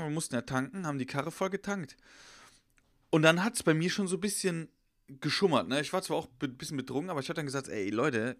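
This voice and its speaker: A man's voice: fairly high pitch, a bit bright, no echo, studio quality. A young man in casual chat, telling a rambling, slangy story and acting out the voices of the people in it.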